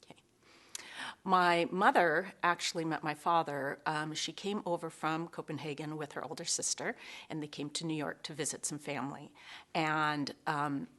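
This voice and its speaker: A middle-aged woman from Seattle, giving a thoughtful, earnest museum interview with frequent pauses and fillers. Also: low voice, fairly even intonation, fairly bright tone.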